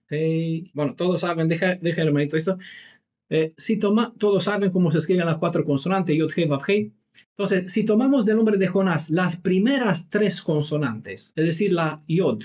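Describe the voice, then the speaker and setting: A man leads a Bible study class, talking through each point patiently and checking in with his listeners. His voice sits a little high for a man. The recording is dull and lo-fi, with the top end cut off. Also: darkish tone. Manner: explanatory, peppers sentences with "¿vale?". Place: meeting room with a whiteboard.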